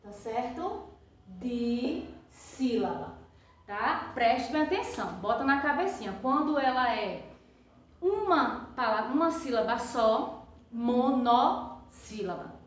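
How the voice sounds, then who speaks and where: A woman teacher with a Brazilian Portuguese accent explains a lesson to young children in a patient, repetitive way, checking in after almost every phrase and drawing out each example word. Her voice sits high. She sounds far from the microphone in a very echoey room, and the sound is slightly dull. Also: lively intonation. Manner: slow, drawn-out stressing of example words; refers to herself as "tia". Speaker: primary school teacher. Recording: echoey room, distant from the mic, slightly muffled.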